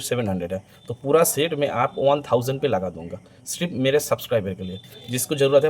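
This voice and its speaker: A man's voice: medium pitch, a little mellow. A man presenting items for sale in an eager, repetitive teleshopping-style hard sell. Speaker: online coin seller presenting stock. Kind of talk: sales pitch to camera for video viewers. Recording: clearly noisy amateur recording with ambient sound.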